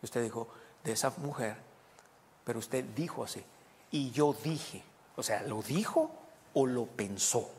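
A man's voice: mid-range voice, lively intonation, measured pace, pauses often, a little mellow, slight background noise. A man preaching a sermon as pastor, explaining scripture and putting questions to the congregation. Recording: long reverb of a large hall.

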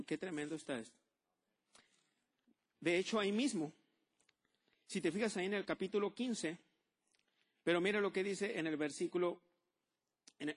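A male pastor, preaching a sermon with lively call-and-response to the congregation. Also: on the high side.

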